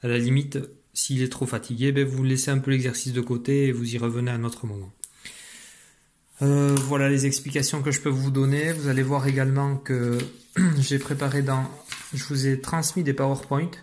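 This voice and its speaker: A middle-aged male teacher talks parents through their child's homework, calm and methodical. He sounds out letters and syllables slowly, repeating words so they can follow along. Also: medium pitch, slight background noise. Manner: patient, step-by-step, spelling out sounds slowly. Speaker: primary school teacher. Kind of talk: explaining homework exercises to parents.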